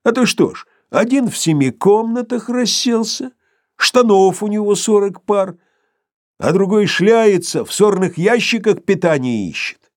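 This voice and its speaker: A man's voice: high-pitched, expressive, unhurried, dry recording, clean studio sound, voice pushed up. A man voicing a crude, uneducated young man who talks in a coarse, blunt way. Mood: brash, grumbling. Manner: coarse, blunt, folksy speech.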